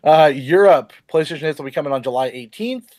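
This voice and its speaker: A man's voice: a little high, lively intonation, fast, a little mellow, no echo. A man hosting a gaming podcast, reading news in a loose, rambling way and swearing often. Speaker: podcast host. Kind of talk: casual gaming news chat.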